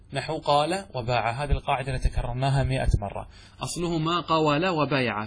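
A man's voice: medium pitch, slightly rough. A middle-aged man teaching classical grammar, explaining step by step and answering his own questions. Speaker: sheikh teaching Arabic grammar.

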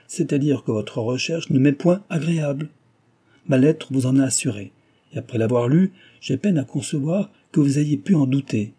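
A man's voice: warm tone, breathy edge, close to an everyday voice. Man putting on a indignant young heiress. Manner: raises pitch for her lines.

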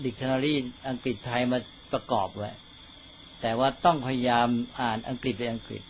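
A man, a Buddhist monk, giving an informal dharma teaching to fellow monks in a slow, deliberate way, often checking that his listeners follow. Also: medium pitch, dull audio, slight background noise.

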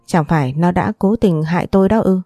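A woman's voice: on the low side, fairly quick, warm tone, no room sound, clean studio sound, faint music behind. A woman reading the part of a stern, commanding elderly grandmother in an audiobook, with a scolding, authoritative manner.

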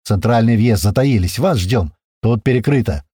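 A man doing a calm male scout reporting in. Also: fairly low pitch, normal speed, husky, no room sound, studio quality. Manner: steady, reporting.

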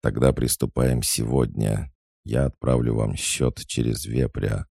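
A man voicing a calm mercenary boss in an audiobook, matter-of-fact. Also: very deep voice, unhurried, gravelly, slightly rough, dry recording, clean studio sound, full character voice. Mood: businesslike.

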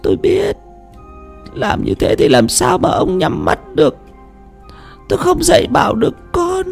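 A woman's voice: lowish voice, huge pitch swings, measured pace, creaky, darkish tone, faint music behind, exaggerated voice. A woman voicing a grieving old widow who pleads through tears. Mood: tearful pleading. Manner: tearful, pleading, sobbing. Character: grieving old widow haunted by her husband.

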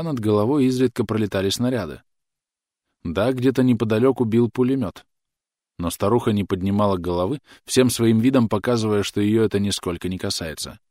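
Casting: male audiobook reader, low voice, dry close recording, measured delivery. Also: a little mellow, dry recording. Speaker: audiobook narrator. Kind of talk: scripted narration.

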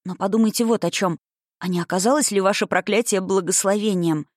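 An impulsive young noblewoman in love, as an audiobook reader puts her on. She talks in an eager, breathless rush at a mid pitch, recorded dry and close. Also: fairly quick, dry recording, lightly acted. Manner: eager, breathless, rising excitement. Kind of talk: audiobook reading.

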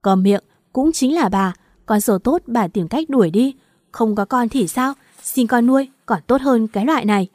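A woman's voice: a little high, normal speed, few pauses, no echo, studio quality, natural voice. A woman voicing a stern, furious older father-in-law who gives blunt commands, in a storybook reading.

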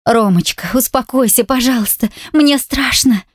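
A frightened young woman speaks up high and strained, tearful at the edges, as a woman reading the audiobook puts her on. The voice is lifted well above the reader's usual low register and recorded dry and close. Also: normal speed, no room sound, close to an everyday voice. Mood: pleading. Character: frightened young woman pleading, then defiant.

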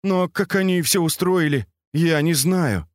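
A man's voice: a little high, unhurried, dry recording, studio quality, pitched above the performer's own voice, lightly acted. A man reading aloud, voicing a terrified male servant who pleads and explains timidly. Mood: nervous.

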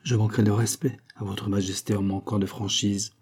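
Grave doctor, read by a man, measured and solemn, low husky voice. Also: flat delivery, darkish tone. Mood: respectful.

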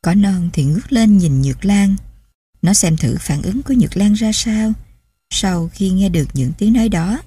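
A woman narrates a novel in steady, emotive storytelling. Her voice is mellow and husky, at a middle pitch. It is recorded close and dry. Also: normal speed, no room sound. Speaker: audiobook narrator. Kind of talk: scripted narration.

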